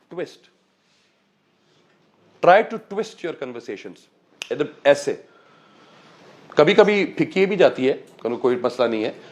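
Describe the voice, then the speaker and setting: Animated man coaching public speaking. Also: sits high. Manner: animated, mixes Urdu and English, addresses listeners as sir. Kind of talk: motivational talk to a class.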